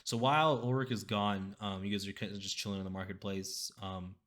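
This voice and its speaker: A man's voice: fairly low pitch, steady tone, a little fast, fairly bright tone. A man narrating a tabletop game as game master in a loose, informal way. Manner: informal, says y'all and like.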